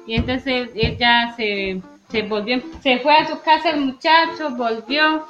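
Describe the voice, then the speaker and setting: A woman teacher telling a traditional tale in an unhurried way, often adding little questioning tags and fillers. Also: a little high, steady tone, fairly bright tone. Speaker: community preschool teacher. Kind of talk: oral storytelling on radio. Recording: dull lo-fi radio sound with music.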